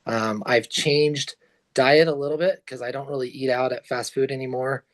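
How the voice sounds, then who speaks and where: A man's voice: mid-range voice, steady tone, moderate pace. Easygoing man rambling on a video call. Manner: easygoing, rambling with fillers and restarts. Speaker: guest. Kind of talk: casual chat on a video call.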